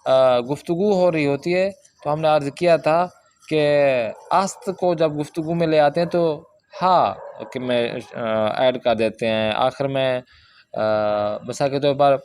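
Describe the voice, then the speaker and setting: A man with a fairly high voice walks learners through a Persian workbook. He reads each example sentence slowly, then explains it in plain, patient terms. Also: a little mellow, slight background noise. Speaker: Persian language teacher. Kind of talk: teaching a workbook lesson.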